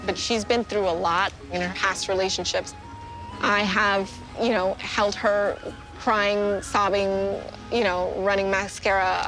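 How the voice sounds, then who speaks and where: A woman's voice: mid-range voice, a bit bright, poor audio. Woman, frank protective friend, teasing tone, light music underneath. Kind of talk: casual chat.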